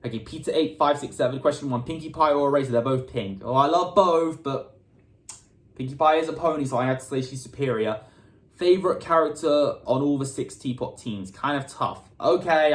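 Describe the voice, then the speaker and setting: A man's voice: mid-range voice, moderate pace, echoey room. A British man from the United Kingdom, answering fan questions in a casual, upbeat chat, reading each question aloud and often restarting his words.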